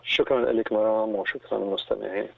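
A low, gravelly-voiced man, heard over a phone line on the radio. He explains business matters in a measured, hesitant way and mixes in English terms. The sound is tinny and dry. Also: steady tone. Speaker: small business advisor, interview guest.

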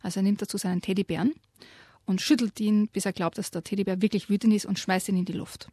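Husky woman retelling a children's story. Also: medium pitch, fast talker, no room sound, clean studio sound. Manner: lively storytelling, voices quoted lines. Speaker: radio co-host presenting children's books.

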